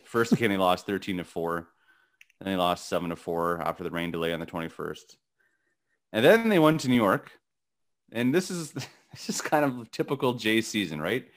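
A middle-aged man co-hosting a casual sports podcast, talking in a gravelly morning voice, rambling and halting with many restarts and fillers. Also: sits low, sing-song. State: voice cracking. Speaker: podcast co-host.

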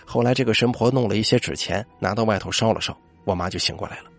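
A man hosting a late-night podcast, telling listener-submitted ghost stories and dropping his voice low for the eerie moments. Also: fast, soft background music. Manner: lively storyteller voice, drops low for eerie moments. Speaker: podcast host.

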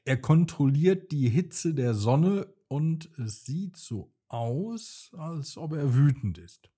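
A man voicing a wise old uncle who speaks gravely, in a children's storybook. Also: a little high, lively intonation, takes it slowly, warm tone, exaggerated voice. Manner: grave, serious.

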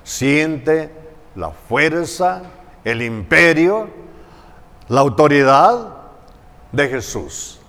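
A man preaching a sermon, slow and emphatic, building on repeated phrases. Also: a little high, very animated, a bit bright. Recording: long church reverb.

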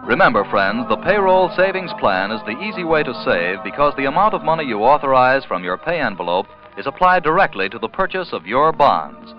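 A man's voice: mid-range voice, sing-song, brisk, few pauses. 1940s radio announcer guy off an old broadcast disc, muffled lo-fi sound, voice swings up and down a lot, music under him. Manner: formal, emphatic announcer delivery. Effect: old broadcast transcription disc sound.

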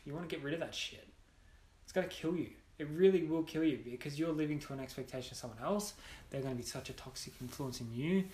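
A man's voice: on the high side, darkish tone, slight background noise. A young man, a podcast guest, telling a personal story candidly, bluntly and with frequent swearing. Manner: blunt, swears freely, many restarts. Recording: roomy echo.

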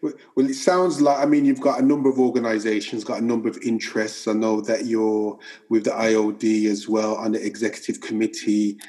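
A man's voice: lowish voice, little pitch movement, brisk, dark tone. A man hosting an interview podcast, asking friendly, rambling questions. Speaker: podcast host.

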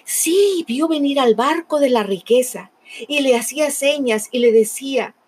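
A woman narrating a fable in a dramatic, emotive way, with lingering pauses. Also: high voice, animated, darkish tone, breathy edge. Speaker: storyteller.

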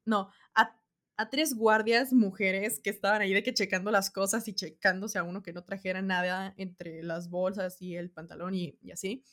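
A woman's voice: mid-range voice, normal speed. A young adult woman with a Mexican accent telling a casual storytime, full of slang and acting out what people said. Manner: animated, slangy, acts out quotes. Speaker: vlogger.

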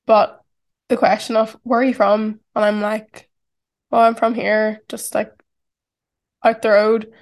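She's a podcast host from Ireland, in her twenties, whose voice sits a little high and stays flat. She talks unhurriedly with long pauses, in a strong Irish accent, reflecting chattily on her solo show and using "like" constantly.

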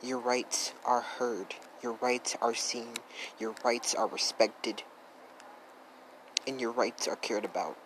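A man's voice: medium pitch, fairly even intonation, slow pace. Earnest man vlogging over background noise. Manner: emphatic, repetitive affirmations. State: holding back emotion. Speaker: vlog host. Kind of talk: earnest direct-to-camera talk.

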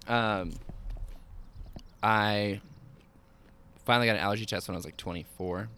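A man co-hosting a podcast outdoors, chatting casually with deadpan, absurd jokes. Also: fairly low pitch, moderate pace, smooth. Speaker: podcast co-host. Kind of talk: casual chat.

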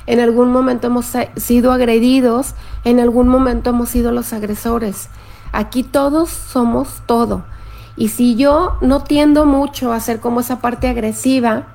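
A middle-aged woman talks to her live-stream viewers in an explanatory way, greeting them by name. Her voice sits a little high and has a gravelly, fry-laden edge. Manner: warm, explanatory, reads viewer comments aloud.

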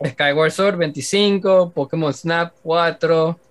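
A man's voice: fairly high pitch, slow. A young man with a Venezuelan accent, co-hosting a casual podcast chat and rambling through a list of his games. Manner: rambling, listing game hours with laughs. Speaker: podcast co-host.

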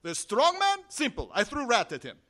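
Mystic villain, pompous menace, forceful bright delivery, swooping theatrical intonation, pulp adventure drama. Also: male voice, very high-pitched, wildly swooping pitch, moderate pace, full character voice. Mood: menacing. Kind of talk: comic pulp adventure acting.

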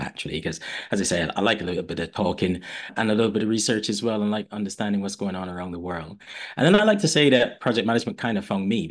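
Husky-voiced man telling his story. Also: sits low. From Barbados. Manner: energetic, chatty storytelling. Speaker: guest, head of legal operations. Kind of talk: podcast interview.

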